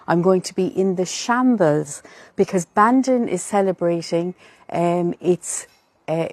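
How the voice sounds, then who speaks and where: An Irish woman with a Cork accent chats to promote her storytelling, speaking in a traditional storyteller's lilting, lyrical manner. Her mid-range voice has a darkish tone, and the recording is dry.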